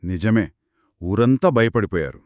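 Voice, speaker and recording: A man with a lowish voice speaks at a measured pace in a dry, clean studio recording. He co-narrates a children's folktale in a conversational two-person style, animatedly putting questions to his listeners.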